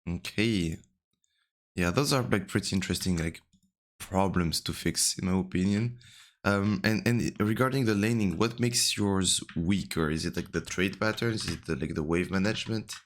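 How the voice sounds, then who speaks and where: A man coaching a player over a call. He has just woken up and talks quietly into a close mic, rambling with many fillers. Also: sits low, moderate pace. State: just woke up. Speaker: game coach. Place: home room at night.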